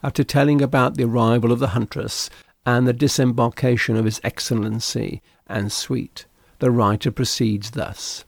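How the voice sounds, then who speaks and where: A man reading a classic sea story aloud in measured, scripted narration. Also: mid-range voice, steady tone, vocal fry, dry recording. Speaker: audiobook narrator.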